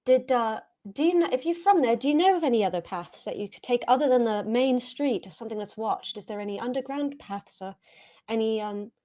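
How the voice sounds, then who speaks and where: A woman's voice: a little high, animated, a little fast, dark tone. A woman casually improvising questions as a player in a tabletop role-playing game.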